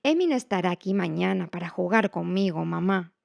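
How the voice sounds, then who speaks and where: A woman voicing a kind, helpful little bear cub in a storybook, talking in a warm, reassuring way. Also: on the low side, animated, brisk, vocal fry, dry recording.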